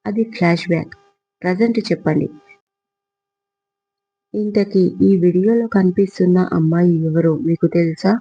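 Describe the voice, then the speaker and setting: A man's voice: high voice, normal speed, long pauses, lo-fi sound. A man playing a lovesick small-time rowdy who is self-important and talks in a flowery, devoted way, in a storybook reading. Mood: boastful.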